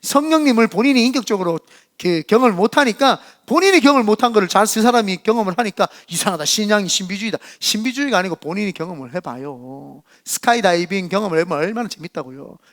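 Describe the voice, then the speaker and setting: A middle-aged man from Korea, a senior pastor preaching a sermon, who tells stories animatedly and acts out quoted voices, dropping to quiet asides and rising to shouts. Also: high-pitched, animated, fast.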